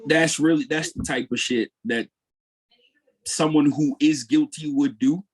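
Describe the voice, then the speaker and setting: Husky-voiced earnest young man. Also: on the high side, a little slow. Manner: earnest, repeats and restarts, seeks agreement. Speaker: podcast co-host. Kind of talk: casual podcast chat.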